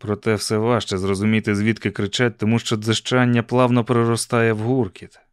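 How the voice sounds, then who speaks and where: A man's voice: fairly low pitch, level tone, fairly quick, smooth, no room sound. A man reading a first-person audiobook in a dry, ironic storytelling manner. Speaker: audiobook narrator.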